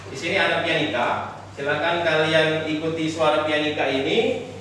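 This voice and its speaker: A man's voice: on the high side, fairly even intonation, moderate pace, fairly bright tone, slight background noise. A man teaching a singing lesson in a classroom, explaining patiently and singing short examples and solfege. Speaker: music teacher. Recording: echoey classroom from far off.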